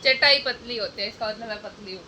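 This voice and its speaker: A young woman with a bright, high-ish voice chats with her partner and viewers in a casual home vlog. She teases and laughs through the banter. A faint room ambience sits behind her. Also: fairly quick, a little hiss or hum, rough recording. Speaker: vlogger. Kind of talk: casual couple vlog chat.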